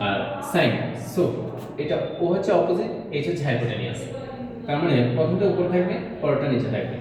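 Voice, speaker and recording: A man gives a classroom math lecture, walking through each step and slipping in English terms. His voice sits a little high for a man. It is heard from a distance in a very echoey room with a long reverb. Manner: explains step by step, mixing English terms, with small restarts. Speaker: math teacher.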